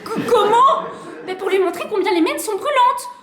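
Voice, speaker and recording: A woman playing a capricious young wife, teasing and petulant, in a high voice. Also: expressive, normal speed, a bit bright, echoey room.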